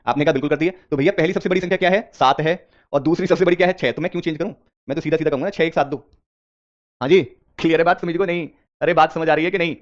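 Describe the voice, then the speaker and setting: A man runs a live reasoning class, talking fast and repeating each step to his students. His voice sits a little high, and his coaxing manner mixes English terms into his teaching. The audio is dull and lo-fi.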